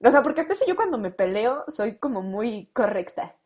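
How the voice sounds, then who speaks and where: A young woman with a Mexican accent, close to twenty, telling a story in casual chat, animated and full of slang, acting out what people said. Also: on the high side, a little fast, a little hiss or hum. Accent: Mexican Spanish. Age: late teens. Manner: animated, slangy, acts out quoted lines. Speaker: guest.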